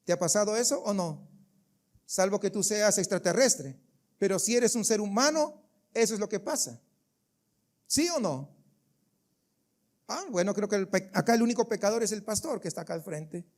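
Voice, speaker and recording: A man's voice: sits high, lively intonation, normal speed, long pauses, darkish tone. A man preaching a sermon as pastor of a church service, emphatic and full of rhetorical questions aimed at the congregation.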